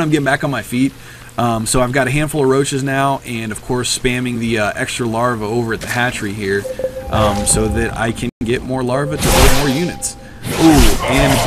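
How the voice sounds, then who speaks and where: Tired man rambling over a game replay. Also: medium pitch. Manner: rambling, with many ums and uhs. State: very tired, late at night. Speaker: channel host commenting on his own match. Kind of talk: casual replay commentary.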